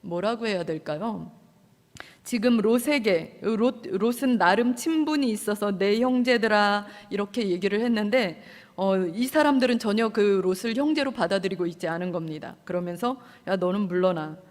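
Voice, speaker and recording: A woman preaches in a conversational, amused way, pausing to act out quoted lines. Her voice sits in the middle range. A long reverb trails her words around a worship hall. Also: mid-range voice, lively intonation, a little mellow. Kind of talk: sermon. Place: church service hall.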